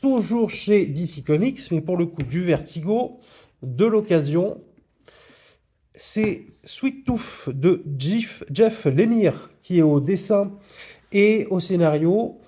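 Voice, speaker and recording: A man's voice: high-pitched, lively intonation, a little slow, warm tone. A man presenting his comic book purchases in a casual video, with frequent hesitations. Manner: hesitant, many fillers. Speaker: comics vlogger.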